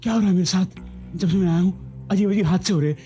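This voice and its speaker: A man's voice: medium pitch, animated, a little slow, dark tone, lightly acted. [name], a man playing a stammering bewildered young man. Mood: panicked. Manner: stammering, agitated. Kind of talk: TV horror serial acting. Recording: dramatic background music.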